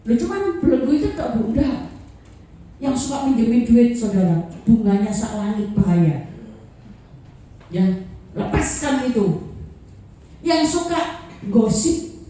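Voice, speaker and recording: A woman's voice: a little high, a little slow, pauses often, far from the mic. Woman preaching in an echoey hall. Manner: repeats "Saudara" to the congregation; lively, swings between loud and soft. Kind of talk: sermon with anecdotes. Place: church prayer meeting hall.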